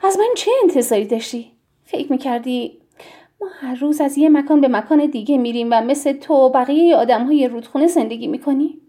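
A woman voicing a gruff, proud wandering river man who asks blunt, angry questions in a storybook reading. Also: sits high, dark tone.

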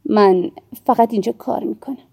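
A woman's voice: mid-range voice, creaky, mellow, breathy edge, pitched below the performer's own voice. A woman reading a guarded, polite mother. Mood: restrained. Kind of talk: audiobook character reading.

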